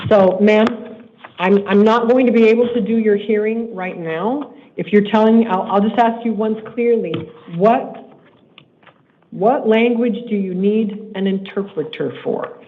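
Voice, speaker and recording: Playing the judge in a court hearing, a high-voiced man talks in a stern, measured manner and says things again when he wants to press a point. The court livestream audio is tinny, with slight background noise.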